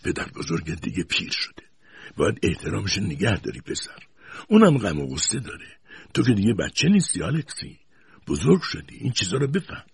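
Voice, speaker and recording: A kind old grandmother, voiced by a man reading the story comforts in a soft, low, breathy voice. Her lines rise and fall freely, recorded close and dry. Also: huge pitch swings, dry recording, exaggerated voice. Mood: gentle. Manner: soft, tender and soothing. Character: gentle, loving old grandmother.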